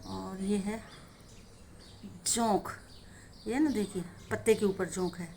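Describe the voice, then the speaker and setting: Chatty homely woman, mid-pitched. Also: fairly even intonation, takes it slowly, gravelly, dark tone, slight background noise. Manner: chatty, homely, keeps asking "है ना". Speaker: home gardening channel host. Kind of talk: casual show-and-tell demonstration.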